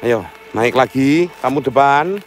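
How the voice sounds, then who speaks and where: A man's voice: mid-range voice, unhurried, soft background music. A young man with an East Javanese accent guiding a night-time ghost hunt outdoors, coaxing his companion along and chanting greetings to spirits. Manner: coaxing, repeats prompts, laughs easily. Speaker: paranormal guide. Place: outdoors at night by a forest pool.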